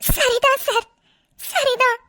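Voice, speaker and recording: A woman's voice: very high-pitched, fairly even intonation, slow pace, sharp tone, full character voice. A woman voicing a tearful, pleading young female helper in a cartoon. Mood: bitter. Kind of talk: cartoon voice acting.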